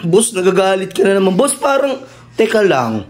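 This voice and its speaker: A man's voice: sits high, sing-song, moderate pace, noisy background. A man acting, saying "boss" in nearly every line, mock-polite and then swearing. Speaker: comedy skit creator. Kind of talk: comedic skit acting.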